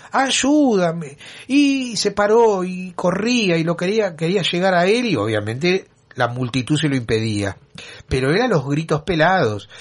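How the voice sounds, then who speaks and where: A man's voice: on the high side, breathy edge. A man with a Rioplatense accent, hosting a show and telling a story straight to his listeners, often asking them rhetorical questions. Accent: Rioplatense Spanish. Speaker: show host. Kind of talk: storytelling talk to an audience.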